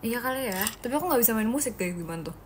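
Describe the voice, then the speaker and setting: Her voice is a little high and expressive, and she races through her words over slight background noise. She's a young woman reading out live-stream comments in casual chat, giggling, teasing, and addressing everyone as "guys."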